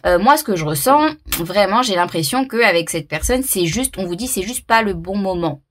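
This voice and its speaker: A woman's voice: medium pitch, lively intonation, moderate pace. A woman doing a casual tarot reading to camera, talking hesitantly with lots of fillers and repeated words, and laughing at herself. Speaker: tarot reader.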